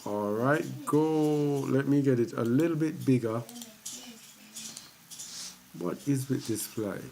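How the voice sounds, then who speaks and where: Man, religious teacher, slow delivery, repeats phrases, conversational. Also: medium pitch, gravelly, mellow, a little hiss or hum. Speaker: host of a faith teaching channel.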